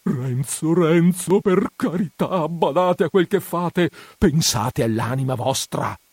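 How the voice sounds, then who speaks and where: A man reading aloud voices a timid, frightened middle-aged village priest who pleads in a high, quavering voice and drags out his words. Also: expressive, takes it slowly, darkish tone, breathy edge, no room sound, full character voice. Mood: terrified pleading.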